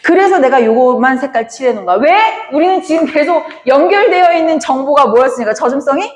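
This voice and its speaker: A woman's voice: high-pitched, lively intonation, fast talker, a crowd in the background. A woman teacher giving an online lecture, asking her students questions and answering them herself. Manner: often addresses listeners as kids. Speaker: Korean language teacher. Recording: echoey room with long reverb.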